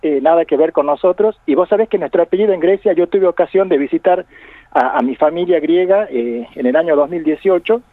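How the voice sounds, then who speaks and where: A man's voice: a little high, a little fast, dry recording. A man with an Argentine accent, a university professor speaking as a radio guest, reflective and laughing often. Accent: Argentine Spanish. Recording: phone line on radio.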